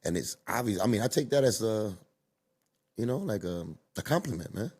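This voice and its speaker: Man from cuba, very low voice, husky, street slang, casual podcast chat. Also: animated, a little fast, darkish tone. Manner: storytelling, street slang, emphatic. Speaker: podcast host.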